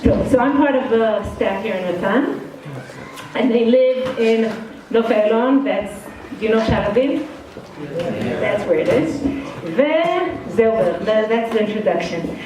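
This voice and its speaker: A woman's voice: a little high, animated, a little slow, crowd noise. Middle-aged woman with an Israeli-Brooklyn accent, echoey hall. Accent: part Israeli, part Brooklyn. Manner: frank, casual, self-deprecating. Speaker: guest speaker. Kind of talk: informal talk to students. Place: indoor study hall. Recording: very echoey hall, far from the mic.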